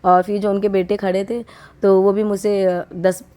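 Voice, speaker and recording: A woman in her thirties, unwell, chatting warmly and from the heart to her viewers in a casual home vlog. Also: medium pitch, little pitch movement, moderate pace. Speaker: vlogger.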